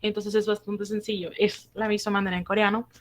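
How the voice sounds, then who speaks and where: A woman teacher giving an online language lesson, explaining patiently and repeating key phrases slowly. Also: medium pitch, little pitch movement, a little hiss or hum.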